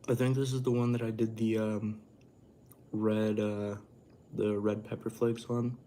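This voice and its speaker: Low, flat-toned man rambling on a stream. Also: a little slow. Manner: rambling, casual swearing. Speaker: livestream host. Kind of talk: casual livestream chat while cooking and eating. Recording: clearly noisy room ambience.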